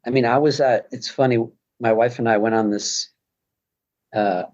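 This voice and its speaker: A man's voice: mid-range voice, steady tone, normal speed, darkish tone, lo-fi sound. A man speaking as a podcast guest, rambling casually with many restarts. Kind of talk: casual conversation.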